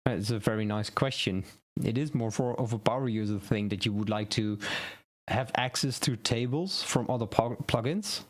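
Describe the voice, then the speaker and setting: This man, a native Dutch speaker, talks at a normal speed in a fairly low pitch. He's hosting a relaxed live stream on web design news, wandering off-track and fixing his words while thinking out loud.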